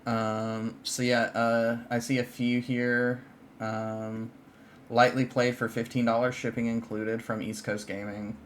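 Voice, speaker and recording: A man's voice: mid-range voice, flat delivery, a little slow, slight background noise. A man hosting a podcast, chatting casually and rambling with lots of fillers and restarts. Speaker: podcast host. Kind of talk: casual chat about card games.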